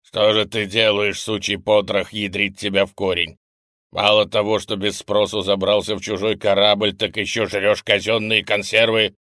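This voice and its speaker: A man voicing a coarse, rude male worker robot who scolds loudly. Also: fairly low pitch, fairly even intonation, unhurried, no room sound, clean studio sound. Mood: angry scolding.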